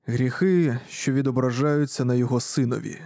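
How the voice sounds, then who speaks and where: A man reading a science-fiction audiobook in scripted narration, even and measured. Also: mid-range voice, no room sound, clean studio sound.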